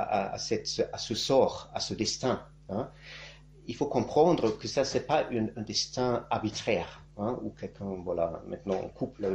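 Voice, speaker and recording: A priest-monk, a native German speaker, giving a spoken catechesis in a halting way, searching for words and tagging phrases with "hein". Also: male voice, fairly low pitch, a little mellow, a little hiss or hum.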